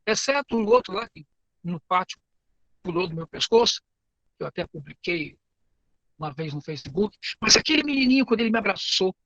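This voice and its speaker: Homem pregador brasileiro, sermão sincero, som seco. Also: male voice, sits high, animated, a little fast, a bit bright, no echo, dull audio. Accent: Brazilian Portuguese. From Brazil. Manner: earnest, storytelling, repeats words and phrases. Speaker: preacher and teacher. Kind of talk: sermon.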